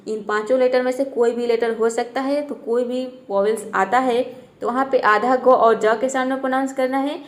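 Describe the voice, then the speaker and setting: A woman with a fairly high voice gives a spoken English pronunciation lesson. She talks patiently, poses a question and then answers it herself, and repeats each example word slowly. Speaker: English teacher.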